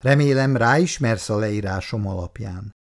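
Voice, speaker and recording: A man's voice: on the low side, creaky. A man reading a story aloud, voicing a blunt, practical young man who talks plainly and teases. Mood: teasing. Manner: plain-spoken, teasing. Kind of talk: read-aloud story dialogue.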